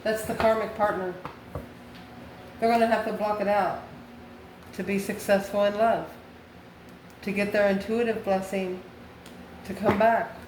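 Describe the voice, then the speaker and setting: Unhurried and pausing often, a woman with a mid-range voice and fairly even intonation talks the viewer through an intuitive tarot reading. As a US tarot reader and channel host, she muses aloud in short, repeated phrases and questions. The recording is echoey, with clear background noise.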